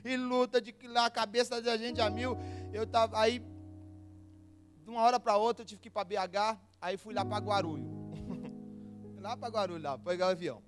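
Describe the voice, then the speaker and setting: A young man with a Brazilian accent, preaching a sermon in church, telling stories in a lively, joking way and laughing often. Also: high-pitched, moderate pace, pauses often. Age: young adult. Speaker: pastor. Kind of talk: humorous storytelling sermon. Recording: music playing behind the voice.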